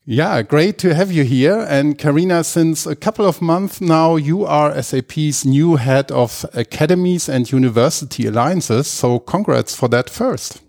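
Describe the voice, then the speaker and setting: A man's voice: on the high side, measured pace, creaky, few pauses, a little mellow. A man hosting an interview over a video call, friendly and slightly formal, with some hesitations. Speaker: host.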